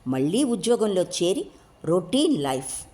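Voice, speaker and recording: A woman's voice: on the low side, big pitch swings, a little slow, dark tone. A woman reading a story, voicing a self-assured male hippie who lectures in a matter-of-fact way. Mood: lecturing.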